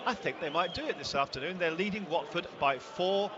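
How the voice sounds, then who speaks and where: A man's voice: sits high, brisk, lo-fi sound. A man reporting live from a football stadium, fluent and projecting over the crowd. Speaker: match reporter. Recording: noisy stadium feed. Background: crowd and stadium noise.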